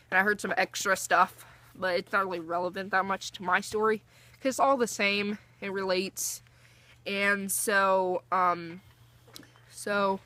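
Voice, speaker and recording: Young female vlogger, bright and keyed-up, rambling anecdote with fillers. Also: mid-range voice. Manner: rambling and anxious, lots of fillers and restarts. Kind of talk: casual storytime.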